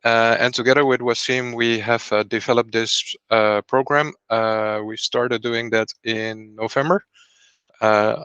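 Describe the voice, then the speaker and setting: A man hosts a presentation over a video call. His voice is bright and crisp, and the sound is dry and close. He explains clearly and in an organized way what he is doing as he goes. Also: fairly low pitch, no echo, highs cut off. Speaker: program host and startup founder. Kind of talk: online presentation.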